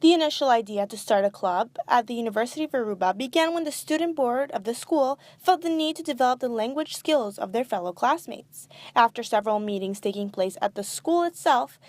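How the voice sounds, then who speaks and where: A woman's voice: on the high side, lively intonation, fairly quick, few pauses, a little mellow. A woman hosting a local TV news segment, reading scripted narration. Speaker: TV news host and reporter.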